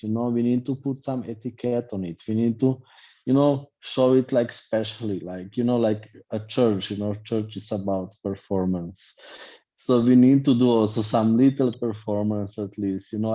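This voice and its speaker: Blunt life coach man, dark voice. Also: medium pitch, dull audio. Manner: loose, repetitive, filler-heavy, blunt. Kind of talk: online class talk. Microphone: video call.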